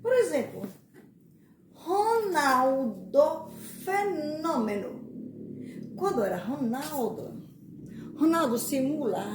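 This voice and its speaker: Woman with a high voice talking slow and rambly, repeats herself a lot, roomy echo and a little hiss behind. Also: vocal fry, distant mic. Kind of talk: casual monologue explaining letter sounds in names. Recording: echoey room, faint background noise.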